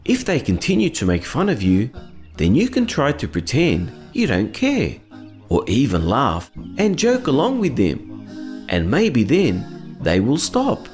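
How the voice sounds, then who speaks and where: Lively, kind cartoon mentor. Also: male voice, mid-range voice, unhurried, soft background music. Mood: earnest teaching. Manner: earnest, encouraging, instructive. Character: kind, wise male cartoon friend who guides children. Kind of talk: children's educational cartoon acting.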